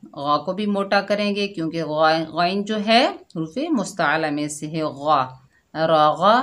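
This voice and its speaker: A woman teaching Quran recitation word by word, patient and explanatory, slowing to draw out each recited word. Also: on the low side. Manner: patient and explanatory, often adding a checking "theek hai"; slows and draws out the recited words. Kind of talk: slow word-by-word recitation lesson.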